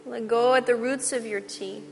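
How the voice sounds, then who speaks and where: A woman teaching yoga, giving slow, gentle relaxation cues with long pauses. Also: a little high, fairly even intonation, gravelly. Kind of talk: guided relaxation instruction. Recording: long reverb with soft music.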